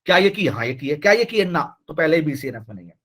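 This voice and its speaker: Male online tutor, fairly high voice, lively and pushy, keeps asking the class to answer. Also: fast talker. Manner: animated, repeats himself, keeps urging students to reply. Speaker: teacher. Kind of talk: live online class lecture.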